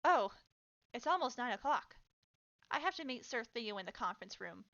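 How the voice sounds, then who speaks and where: Kind young mage woman, soft earnest delivery, bright voice, lo-fi recording, read by a woman. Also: fairly high pitch, sing-song, moderate pace. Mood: flustered.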